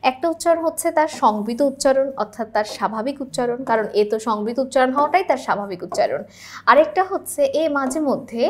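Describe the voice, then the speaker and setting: A young woman with a high, bright-pitched voice works through exam questions like a patient tutor. She keeps stopping to ask whether the listener follows before giving the answer. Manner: checks in with rhetorical questions. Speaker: teacher. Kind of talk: exam-prep lesson explaining answers.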